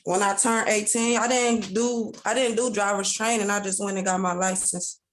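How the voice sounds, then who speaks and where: A woman's voice: mid-range voice, steady tone, normal speed. A woman in her thirties answering a judge over a video call, hesitant and polite. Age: 30s. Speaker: defendant.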